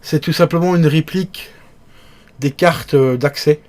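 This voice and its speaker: A man's voice: a little high, measured pace, darkish tone. Chatty man unboxing a collector's set. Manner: chatty, hesitant with many fillers; talks to viewers as friends. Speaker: unboxing youtuber. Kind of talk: casual unboxing commentary.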